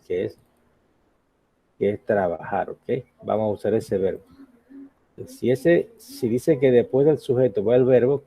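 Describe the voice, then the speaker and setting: Guy teaching a grammar class, low husky voice, keeps asking ok?, muffled lo-fi audio. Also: no echo. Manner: patient, checks in with frequent "ok?" questions. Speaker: English teacher.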